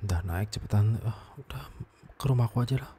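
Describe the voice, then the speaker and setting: A young man playing a hurt, weary boyfriend confronting his ex in a whispered role-play, talking soft and low and often dropping to a whisper. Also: a little fast, slight background noise. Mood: flustered. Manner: tired, exasperated, soft and low. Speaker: ASMR voice performer.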